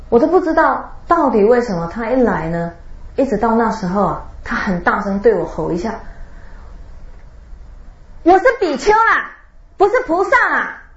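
A woman giving a Buddhist dharma talk, telling a Zen story with drawn-out particles and laughter. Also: fairly high pitch. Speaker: Buddhist teacher. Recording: roomy, dull lo-fi recording.

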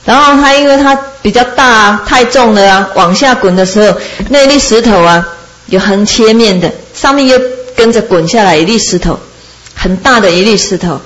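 A woman giving a Buddhist dharma talk, telling a story in a lively way and often laughing as she speaks. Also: mid-range voice, moderate pace, low-quality recording. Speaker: Buddhist teacher.

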